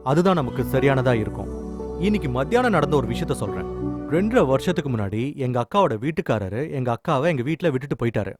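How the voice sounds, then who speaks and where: An actor playing a kind, teasing young jeep driver in dubbed film dialogue. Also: male voice, medium pitch.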